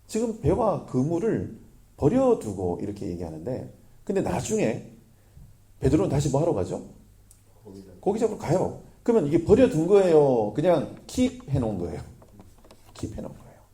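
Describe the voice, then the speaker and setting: A man preaching a sermon as pastor, lively, often asking the congregation questions. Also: a little high, moderate pace, pauses often.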